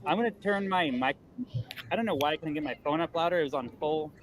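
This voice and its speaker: A man working a phone sales call, talking quickly through a deal with lots of fillers and reassurances, then chatting it over with colleagues. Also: fairly high pitch, slight background noise, low-quality recording. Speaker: real estate investor on sales calls. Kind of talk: live-streamed phone sales call and debrief. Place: loud area. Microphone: earbud headset mic.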